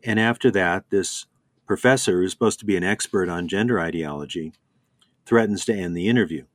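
A man with a lowish voice talks through a subject in a measured, explanatory way. He sounds close and dry, with no room around him. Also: dry recording. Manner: measured, explanatory, quotes others. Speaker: commentator. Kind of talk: conversational commentary.

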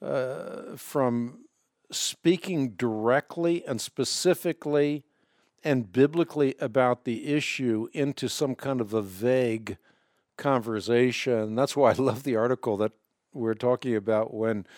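A male radio host gives religious commentary in a dry, close recording. His mid-pitched voice is slightly hampered by a swollen, split lip, and he phrases things in a deliberate, preacherly way. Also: a little mellow, no echo. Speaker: host of a call-in religious broadcast.

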